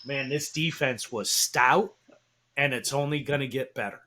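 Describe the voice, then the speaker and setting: A man talking sports on a radio show, his voice sitting at an ordinary middle pitch. He gets excited fast, swears freely and circles back over his own words. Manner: excitable, swears, laughs, repeats himself. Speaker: talk radio co-host. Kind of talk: casual sports talk.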